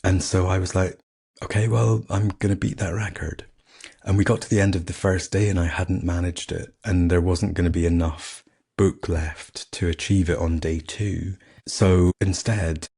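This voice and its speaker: Middle-aged male podcast host, faded Scottish accent, husky and very low, chatty and self-deprecating. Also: warm tone. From Scotland. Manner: candid, self-mocking, chatty. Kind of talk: casual solo podcast chat.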